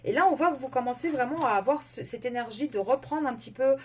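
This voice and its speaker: A woman giving a casual tarot and oracle card reading to her viewers, talking in a halting way with many fillers and self-corrections. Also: high-pitched.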